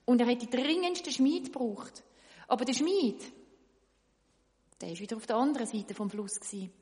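A woman tells a children's story lively, speaking straight to her young listeners. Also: fairly high pitch, moderate pace. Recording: long reverb.

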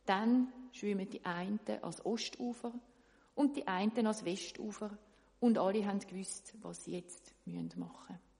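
A woman tells a children's story lively, speaking straight to her young listeners. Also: mid-range voice, creaky. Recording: long reverb.

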